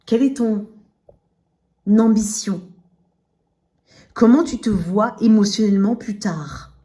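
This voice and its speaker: Taking it slowly in a warm, mid-range voice, a woman gives a casual tarot reading directly to the listener. Her dental braces slightly slur her words, and she often checks in with short tags.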